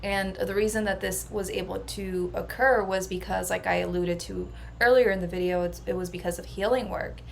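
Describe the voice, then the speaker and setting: A woman's voice: medium pitch, steady tone, moderate pace, gravelly, few pauses, a little hiss or hum. A woman personal transformation coach talking through a casual vlog monologue in an earnest, reflective way. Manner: earnest and reflective, level delivery.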